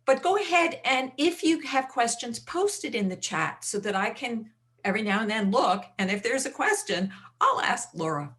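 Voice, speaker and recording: Brisk chatty woman hosting a live chat. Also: a little high, sing-song, fairly bright tone. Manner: brisk, chatty, reads the guest's introduction. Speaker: host, interviewer. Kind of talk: live online interview. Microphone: video call.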